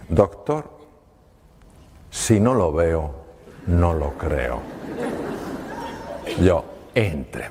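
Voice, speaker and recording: A middle-aged man, a doctor telling an anecdote to an audience and acting out the dialogue with pauses. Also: low-pitched, darkish tone. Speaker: doctor giving a talk. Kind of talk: storytelling talk to an audience. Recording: hall reverb with faint room noise.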